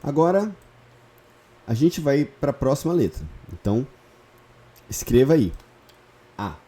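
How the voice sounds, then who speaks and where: Dark-voiced patient male teacher. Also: medium pitch, very animated, slow. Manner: patient, repeats key points with frequent check-ins. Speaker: Hebrew teacher. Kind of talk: online lesson, explaining step by step.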